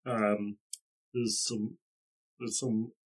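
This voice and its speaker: A man's voice: on the low side, flat delivery, extremely slow. A man narrating a tabletop game as game master, rambling with many fillers and restarts.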